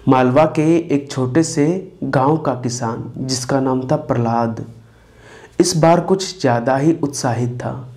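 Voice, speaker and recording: Slow, mellow-voiced man telling a story. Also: medium pitch. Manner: slow, deliberate storytelling with brief acted quotes. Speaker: spiritual storyteller. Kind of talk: devotional story narration.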